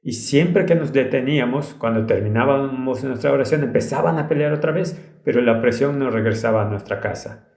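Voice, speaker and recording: A man's voice: medium pitch, fairly quick, a little mellow. A man preaching a sermon, telling a story in an earnest and urgent way. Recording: roomy echo.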